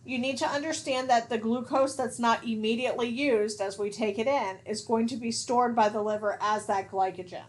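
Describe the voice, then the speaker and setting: A woman's voice: a little high, fairly even intonation, normal speed, few pauses. A woman nursing instructor giving a recorded lecture in a casual teaching manner, often checking in with "okay?".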